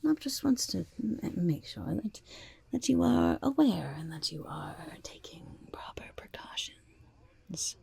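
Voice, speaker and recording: A woman voicing a shifty, boastful goblin merchant in a breathy, raspy whisper for an ASMR roleplay, with stammering sales patter. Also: mid-range voice, very animated, slow pace, darkish tone, exaggerated voice. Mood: flustered, nervous. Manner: speaks of self in third person, stammering sales patter. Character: shifty, flustered, boastful goblin market vendor.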